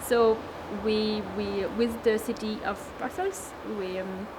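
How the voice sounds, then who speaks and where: Her voice is medium in pitch and steady, and she takes her time. This twentysomething woman from Lebanon and France, who started a food waste network, answers casually with frequent fillers and restarts in a noisy recording.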